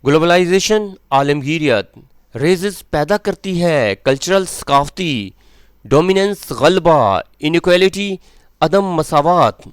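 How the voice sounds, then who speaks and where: Man slowly explaining a text line by line. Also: on the high side, lively intonation, clean tone, no room sound. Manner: slow, repeats each phrase with its meaning. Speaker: English teacher. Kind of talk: word-by-word translation lesson.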